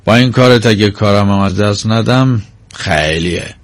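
Guy reading as a big gruff church sexton in a storybook, blunt and brusque, kind underneath, dry close sound. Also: fairly low pitch, no room sound, natural voice. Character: burly Irish male church sexton, gruff but kindly.

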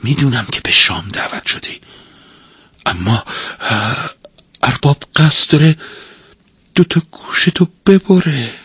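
A man voicing a clever, scheming young female servant with shrill cries and hushed warnings. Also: big pitch swings, pauses often, husky, no room sound, exaggerated voice. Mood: urgent.

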